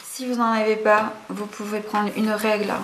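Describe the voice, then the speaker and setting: A woman's voice: mid-range voice, flat delivery, moderate pace, a bit bright. A woman hosting a casual craft tutorial, chatty and hesitant, full of fillers and self-corrections. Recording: roomy echo, faint background noise.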